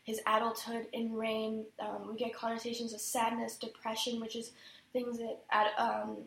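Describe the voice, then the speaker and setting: Woman student in an oral exam, hesitant, lots of restarts, highish flat voice, echoey room with faint hum. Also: moderate pace, gravelly. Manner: hesitant, frequent restarts and fillers. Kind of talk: oral exam answer on a poem.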